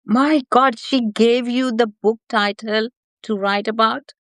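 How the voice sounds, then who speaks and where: A woman's voice: fairly high pitch, steady tone, slow, a bit bright, no echo. A woman hosting a live video interview, welcoming her guest and answering with brief, encouraging comments. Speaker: host. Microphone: video call.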